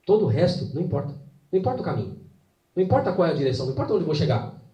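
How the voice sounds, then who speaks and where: A man giving a live inspirational faith talk, telling his story earnestly with dramatic pauses. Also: a little high, sing-song, mellow, lo-fi sound. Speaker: motivational faith speaker. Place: hall with an audience. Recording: roomy hall, mic at a distance.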